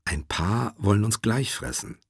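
A man voicing a calm river guide with low, dry humour in an audiobook. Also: racing, no echo. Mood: dry joking.

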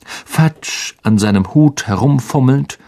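Slow, gravelly male audiobook narrator. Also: mid-range voice. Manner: expressive storytelling. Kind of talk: scripted narration.

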